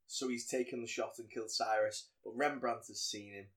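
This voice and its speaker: A man chatting on a podcast, recapping a film scene by scene. He rambles and gets animated as he goes, with plenty of ums along the way. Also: on the low side, a little fast. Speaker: podcast co-host. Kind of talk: casual film recap chat.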